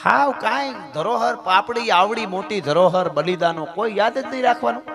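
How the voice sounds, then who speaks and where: A man's voice: high voice, normal speed, gravelly. A man, telling a folk tale dramatically to an audience he calls friends, with humorous asides. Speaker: folk storyteller. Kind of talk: live folk storytelling with humor. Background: stringed instrument music.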